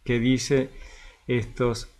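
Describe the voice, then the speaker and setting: A man with an Argentine Spanish accent teaching a Bible study in a relaxed, conversational way, reading passages aloud and commenting on them. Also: mid-range voice, drawn-out words. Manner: conversational, often ends with a questioning tag and fills with a drawn filler; lively, reads scripture passages aloud between remarks.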